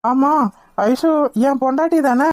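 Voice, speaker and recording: Boastful young groom, played by a woman, Tamil accent, high-pitched, cartoon. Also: fairly even intonation, unhurried, a little mellow, no room sound, studio quality.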